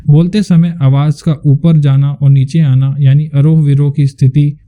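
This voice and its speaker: A man narrating a scripted lesson as a teacher, explaining in a clear, measured way. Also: fairly high pitch, level tone, dark tone, muffled recording.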